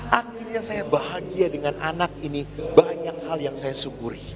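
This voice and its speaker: Priest giving a sermon, slightly high voice, goes soft and slow for emphasis, big church reverb, crowd in the room. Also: male voice, expressive. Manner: storytelling with acted dialogue, slow hushed emphasis. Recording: reverberant church hall with congregation. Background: congregation.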